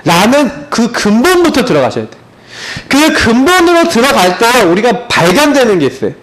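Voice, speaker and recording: A man in his thirties preaching as a pastor in a church, animated and storytelling, with many rhetorical questions. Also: very high voice, normal speed. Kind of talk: sermon. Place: church sanctuary.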